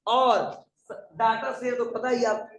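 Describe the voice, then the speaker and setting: A man's voice: extremely high pitch, level tone, slow pace, vocal fry, far from the mic, muffled recording. A man teaching a computer class in a conversational lecture style, often asking the students questions. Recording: echoey room, voice from afar.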